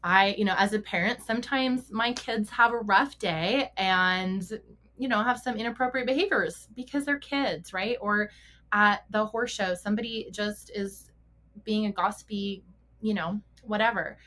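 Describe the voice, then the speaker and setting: A woman's voice: medium pitch, normal speed, pushed and bright. A middle-aged woman hosting a podcast as a mental performance coach for riders, talking casually, asking rhetorical questions, correcting herself and laughing often. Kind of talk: casual solo podcast talk.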